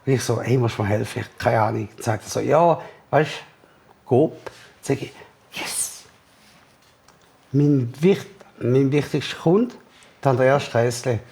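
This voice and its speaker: Speaking at medium pitch and normal speed with some vocal fry, a Swiss German-accented entrepreneur recounts a story energetically during an interview. He performs the other people's lines himself in quoted dialogue.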